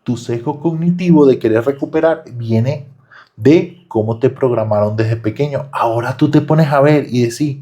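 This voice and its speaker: A man's voice: medium pitch, moderate pace, mellow. A man teaching a live online trading class, who keeps firing rhetorical questions at his students. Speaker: trading instructor.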